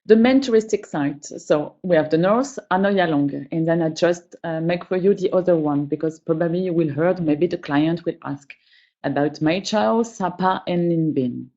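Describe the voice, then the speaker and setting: Presenting a travel company webinar in non-native English, the female trainer pauses frequently as she reaches for words. Her voice is lowish with a darkish tone, and the recording is muffled.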